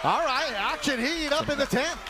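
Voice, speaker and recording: A high-voiced man works as a hype play-by-play announcer at a boxing match. He delivers live ringside commentary with dramatic, emphatic calls. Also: animated, normal speed. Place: ringside at an arena.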